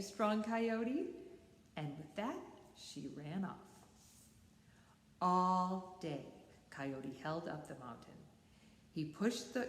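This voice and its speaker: A woman telling a folktale aloud as a storyteller, expressive, acting out the characters' voices. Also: low-pitched. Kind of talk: bilingual read-aloud storytelling. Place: library. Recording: roomy library hall.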